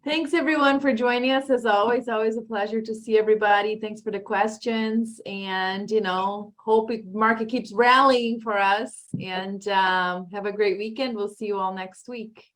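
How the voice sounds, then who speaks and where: A woman's voice: medium pitch, fairly even intonation, normal speed, hardly any pauses, fairly bright tone. A woman hosting a show, speaking in a casual, informal sign-off style to her audience and guest. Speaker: host.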